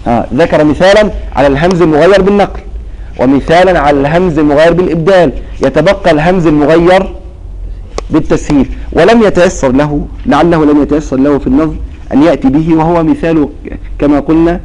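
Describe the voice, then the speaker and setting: A man's voice: on the high side, quick pace, darkish tone, low-quality recording. A man teaching a religious recitation lesson, explaining patiently and quizzing his students with repeated questions. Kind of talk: classroom lesson.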